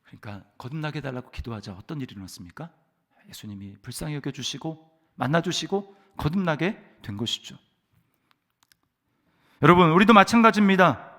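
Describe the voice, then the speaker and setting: Korean pastor preaching in a reverberant hall. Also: male voice, medium pitch, expressive, fairly quick. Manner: swings between loud exhortation and hushed storytelling. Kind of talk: sermon. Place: church sanctuary. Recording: long church hall reverb.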